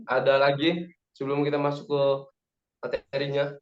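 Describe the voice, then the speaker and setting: A young man in his twenties from Padang speaks as a relaxed, talkative guest in an online meeting, cheering his listeners on. His voice sits a little high. The call audio is roomy and echoey, with a dull, lo-fi sound. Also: moderate pace. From Padang, West Sumatra, Indonesia. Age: 20s. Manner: relaxed, chatty, rallying the audience. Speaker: guest speaker, aviation cadet. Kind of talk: casual talk in an online meeting.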